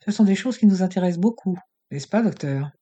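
A man's voice: high-pitched, lively intonation, brisk, dark tone, slightly rough, voice pushed up. A man doing a hissing, menacing villain. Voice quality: slightly hissing. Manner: harsh, cutting, threatening.

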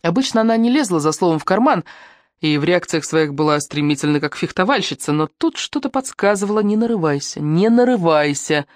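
A woman's voice: on the low side, animated, fast, no echo. Woman narrating an audiobook, dry.

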